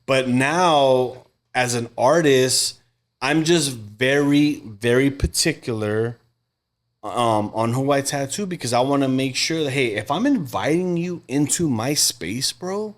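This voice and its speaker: A man's voice: mid-range voice, slow pace. A man in his thirties, a tattoo artist talking as a podcast guest in a laid-back, slangy way. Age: 30s. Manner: laid-back slangy talk, says bro often. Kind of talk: casual chat.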